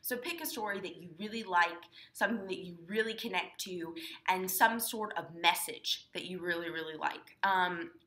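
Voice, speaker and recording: A woman's voice: lowish voice, moderate pace, bright, forceful tone, reverberant. A teenage girl explaining dramatic interpretation in a casual, chatty way, with lots of ums and likes. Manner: chatty, many fillers like um and like. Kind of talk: casual instructional talk.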